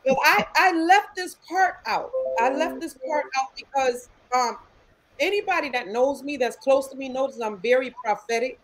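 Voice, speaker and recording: A woman guest, a gospel singer, telling her story in an animated way over a video call, often laughing. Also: high voice, moderate pace, a little hiss or hum, poor audio.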